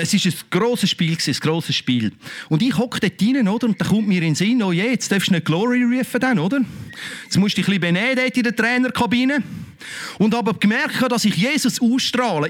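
A man's voice: high voice, fairly bright tone. A middle-aged man with a Swiss German accent preaching a sermon as pastor, fervent and exclamatory, tossing rhetorical questions at the congregation.

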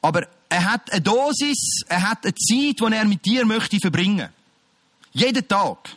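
A male preacher with a notably high voice. He speaks emphatically and addresses listeners directly, moving between loud calls and quiet, close passages. The sound is dry and close, with no room echo. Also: expressive, measured pace. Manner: emphatic, swings from shouting to quiet. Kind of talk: sermon.

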